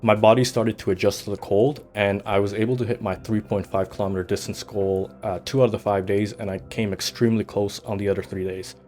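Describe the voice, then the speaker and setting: A man giving a scripted voice-over for his fitness vlog, steady and matter-of-fact as he lists his numbers. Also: lowish voice, brisk, hardly any pauses. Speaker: vlogger.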